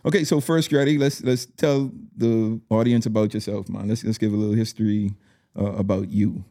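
Man, podcast host, deep mellow voice, energetic chatty intros. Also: normal speed, dry recording, studio quality. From Bahamas. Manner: upbeat, hype-style welcomes, lots of fillers and restarts. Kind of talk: casual podcast hosting.

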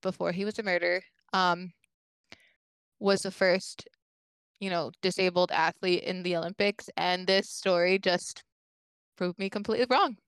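A woman's voice: lowish voice, fairly even intonation, moderate pace, long pauses, fairly bright tone, clean tone, no room sound, poor audio. A woman co-hosting a podcast, telling a researched story in a conversational way with frequent fillers. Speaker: podcast co-host. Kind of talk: casual chat, presenting a researched story.

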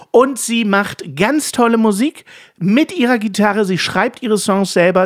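A man co-hosting a casual podcast, talking animatedly and often laughing mid-sentence. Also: sits high. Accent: German. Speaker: podcast co-host.

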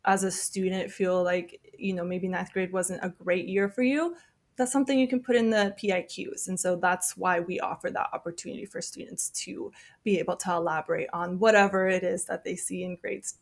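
A woman admissions officer in a podcast interview. She explains things steadily with frequent "um" and "right?", and her voice often trails off softly at the ends of phrases. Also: lowish voice, steady tone, moderate pace, vocal fry.

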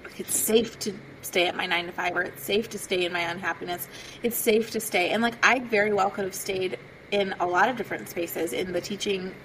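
A woman hosting a podcast, talking casually and warmly in a chatty way full of fillers. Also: medium pitch, fairly even intonation, fairly quick, a little hiss or hum, poor audio. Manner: chatty, peppered with "like". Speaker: podcast host.

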